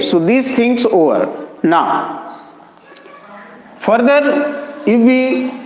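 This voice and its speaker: Male maths teacher, high lively voice, unhurried drilling delivery, recorded in a reverberant classroom. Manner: addresses students as children, repeats terms slowly. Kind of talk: classroom lecture. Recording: echoey classroom with long reverb.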